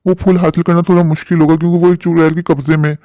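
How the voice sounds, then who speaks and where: A kindly older man, voiced by a man, offers gentle advice in a cartoon story. He talks quickly and flatly in a dark tone. The sound is dry and close. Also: fairly high pitch, dry recording, lightly acted. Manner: gentle, advising. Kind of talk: cartoon voice acting.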